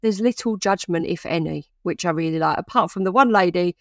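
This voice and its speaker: A woman's voice: on the low side, a little fast, dry recording, clean studio sound. A woman who is a parent, speaking as a podcast guest in an easygoing, conversational way with fillers. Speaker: podcast guest, parent running a family cruise group. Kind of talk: casual podcast chat.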